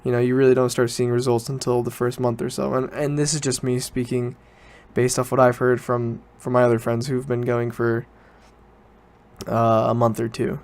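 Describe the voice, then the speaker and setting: Flat and moderately paced, a mid-range, darkish male voice belongs to a student-age young man hosting a solo podcast. He rambles informally and revises what he says as he goes.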